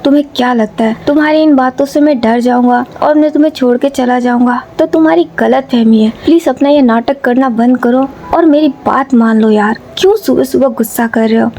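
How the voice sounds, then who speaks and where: A woman's voice: sits high, a little fast, hardly any pauses, dark tone, a little hiss or hum. A woman voicing a stubborn, cheerful young man who coaxes and pleads. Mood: pleading. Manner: coaxing, pleading.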